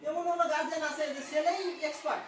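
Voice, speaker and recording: A woman's voice: sits high, fairly even intonation, very fast, over music. A woman, a parent at a school meeting, earnestly explaining her point at length with restarts. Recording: echoey room, voice from far off, noisy.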